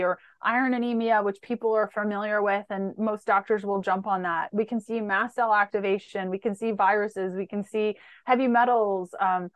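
A woman guest on an interview, talking through lab results in a steady, methodical way, marker after marker. Her voice sits in a middle range for a woman. The sound is dry and close, with no room around it. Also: mid-range voice, dry recording. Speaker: holistic nutritionist guest. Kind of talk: explanatory interview answers.

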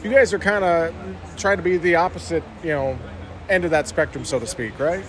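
Male on-location broadcast interviewer, a bit higher in pitch, courteous and chatty, outdoor event setting. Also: fairly quick, fairly bright tone. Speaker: farm show interviewer. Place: outdoors at a busy farm trade show.

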